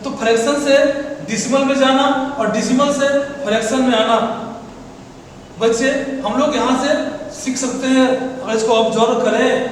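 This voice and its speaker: High-voiced man teaching math, echoey. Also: steady tone, a little hiss or hum. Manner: keeps calling the listeners "children" and asks questions he answers himself; reads out digits slowly one by one. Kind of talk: classroom math lesson. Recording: very echoey long reverb from far off.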